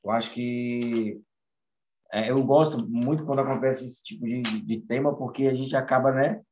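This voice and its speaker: A man's voice: medium pitch, steady tone, normal speed, a little mellow, slight background noise. Hesitant man chatting. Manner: hesitant, many fillers and restarts. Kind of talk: casual chat.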